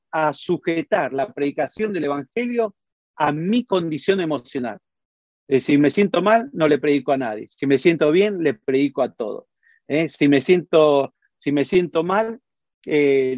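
Lively preacher, dry sound. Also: male voice, on the high side, no room sound, lo-fi sound. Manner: lively storytelling, acts out Bible scenes with voices. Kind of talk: sermon.

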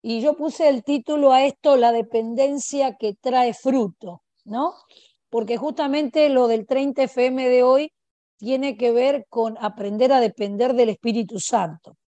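Older Argentinian woman preacher, somewhat high voice, dry recording, casual conversational sermon with tag questions. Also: a little slow, warm tone, dry recording, dull audio. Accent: Argentinian Spanish. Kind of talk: informal sermon.

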